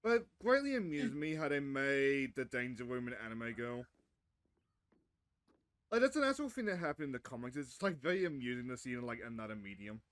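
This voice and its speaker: A man's voice: mid-range voice, sing-song, a little fast, fairly bright tone, dry recording. A man in a casual chat about games, laid-back and saying "like" often. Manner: laid-back, heavy use of "like".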